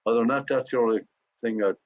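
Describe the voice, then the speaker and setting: A man in his nineties, a war veteran, recounting his memories in an interview, halting and often repeating words. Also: medium pitch, dry recording. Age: 90s. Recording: dull lo-fi recording.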